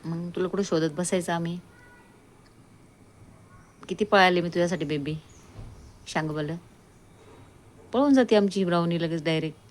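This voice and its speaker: A woman vlogging at home, calm asides to viewers mixed with high, coaxing baby talk to her dog. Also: moderate pace, long pauses. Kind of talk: casual vlog talking to her dog.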